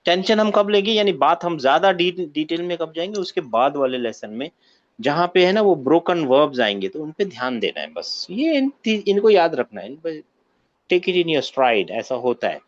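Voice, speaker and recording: A man's voice: a little high, very animated, normal speed. Patient male teacher on a muffled call. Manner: patient, encouraging, calls students by number. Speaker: Arabic teacher. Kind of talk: online class instruction.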